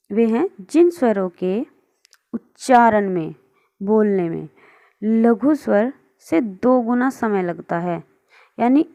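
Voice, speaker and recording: A woman's voice: fairly high pitch, mellow. A woman teaching a grammar lesson online, explaining on screen and patiently asking and answering her own questions.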